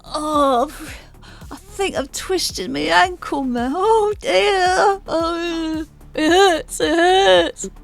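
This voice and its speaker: A woman's voice: very high-pitched, extremely slow, creaky, soft background music, pitched above the performer's own voice, full character voice. A woman doing a crying man with a hurt ankle. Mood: whimpering. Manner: whimpering, wailing. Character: injured young man crying over his ankle.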